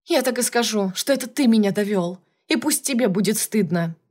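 A woman's voice: fairly high pitch, animated, a little fast, darkish tone. A woman reading the lines of a touchy young office worker in an audiobook, snappy and indignant. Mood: bitter.

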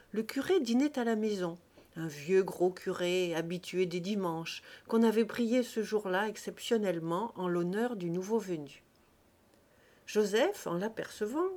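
A woman reads a classic short story aloud, clear and expressive. Her voice sits at an ordinary middle pitch. She tells it steadily, as a practiced reader. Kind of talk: literary reading.

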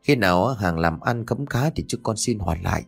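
Man putting on a mean greedy son, low and growly, quick to snap. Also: animated, vocal fry, breathy edge, faint music behind, exaggerated voice. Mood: wheedling. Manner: snarling, harsh. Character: greedy, brutal grown son.

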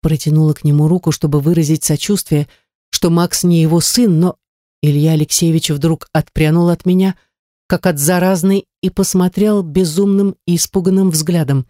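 A woman's voice: low voice, fairly even intonation, normal speed, mellow, dry recording, studio quality. A woman narrating a first-person story in an emotive, dramatic reading. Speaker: audiobook narrator.

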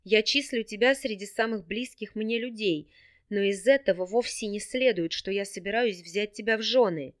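A woman's voice: mid-range voice, moderate pace, close to an everyday voice. Female narrator playing a curt, proud young noble; clipped, impatient delivery.

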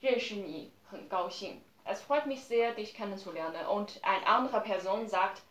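A woman teaching a language class, who repeats each phrase patiently and explains it slowly. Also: medium pitch, expressive, fairly bright tone, echoey room.

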